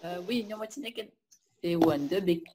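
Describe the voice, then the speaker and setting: A woman's voice: lowish voice, lively intonation, moderate pace, warm tone. A woman student asking her teacher a question with some hesitation.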